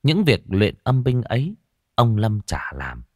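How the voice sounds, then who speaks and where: A man telling a ghost story in a slow, dramatic way, his low voice rising and falling with lively swings. He drops to a hush at tense moments, and the recording is dry and close. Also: no echo.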